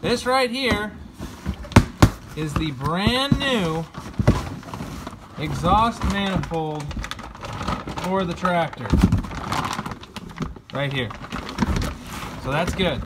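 Heavy background noise fills this clip of a young farm vlogger opening a box of tractor parts in his farm workshop, captured on a close-held phone camera. His high-pitched voice is animated, drawing out words and pausing often as he talks viewers through the parts in a relaxed, casual unboxing and shop-talk style.

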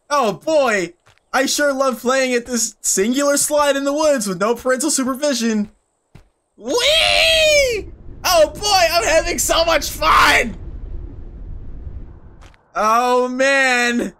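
A man's voice: extremely high pitch, fairly bright tone. A young man giving playful horror game commentary as a scared streamer, nervous and mock-cheerful with exaggerated reactions. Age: young adult. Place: small indoor streaming room.

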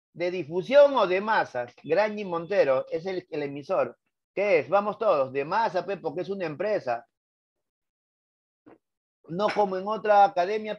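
A middle-aged man with a Peruvian Spanish accent teaching a review class, animated and constantly quizzing his students with tag questions. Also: high voice, no echo. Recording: dull, dry lo-fi sound.

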